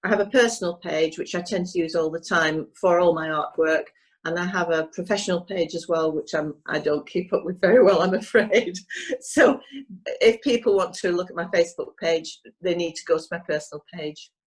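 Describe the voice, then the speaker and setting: A woman, an equestrian painter, talks hesitantly with many pauses and restarts in a video call interview, her voice slightly hoarse. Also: on the low side, poor audio.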